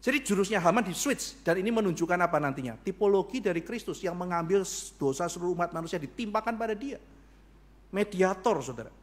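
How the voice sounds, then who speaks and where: Animated man preaching a sermon. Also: high-pitched, quick pace. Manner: animated, acts out dialogue in shifting voices. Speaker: pastor.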